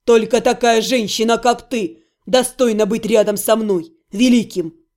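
Brief: woman reading a cruel, boastful young necromancer man for an audiobook, voice pushed low and dark, menacing drawl. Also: steady tone, a little slow, natural voice.

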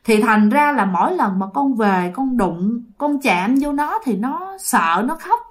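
A gentle old grandmother speaks softly, patient and soothing as she explains to her grieving child, voiced by a woman storyteller. Her voice moves lively between high and low. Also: a little slow.

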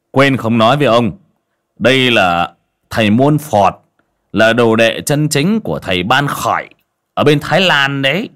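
A man voicing a loud, boastful scar-faced swindler who talks up a sorcerer like a salesman. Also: medium pitch, voice pushed up.

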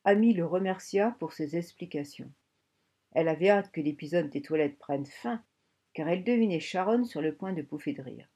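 A woman reading a novel aloud as an audiobook narrator, in a measured storytelling manner. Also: on the low side, expressive, warm tone, husky. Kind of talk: scripted narration.

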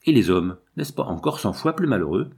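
A man's voice: fairly low pitch, very animated, vocal fry, darkish tone, husky, full character voice. A man doing a severe older householder. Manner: measured, severe. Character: severe but kindly older male householder.

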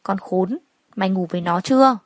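A woman's voice: mid-range voice, brisk, dry recording, natural voice. A woman reading a story, voicing a brutal and jealous young husband with a snarling, contemptuous manner.

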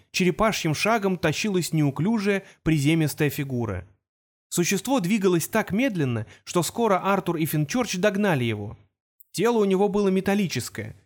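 A man narrating an audiobook in a steady, measured storytelling manner. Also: on the high side. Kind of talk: scripted narration.

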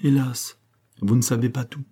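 A man's voice: mid-range voice, little pitch movement, moderate pace, mellow, breathy edge, voice pushed up, lightly acted. A man reading an audiobook who voices a young grieving queen in fervent, pleading speech. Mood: anxious.

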